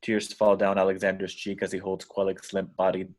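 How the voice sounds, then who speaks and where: A man with a lowish, slightly mellow voice reads a screenplay's stage directions as scripted narration for a table read. His delivery is completely flat and a little fast.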